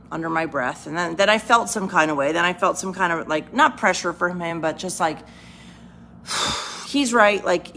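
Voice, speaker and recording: Chatty woman with a gravelly voice. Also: lowish voice, a bit bright, a little hiss or hum. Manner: chatty, rambling, asks "right?" often. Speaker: vlogger. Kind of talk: casual motivational talk to camera. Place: home, on the couch.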